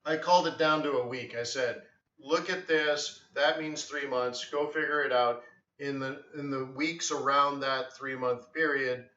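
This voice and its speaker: A man hosting a live trading stream, telling rambling stories in casual chat. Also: mid-range voice. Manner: rambling, storytelling, animated with acted quotes. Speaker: forex trading livestream host. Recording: roomy, distant, slightly dull sound.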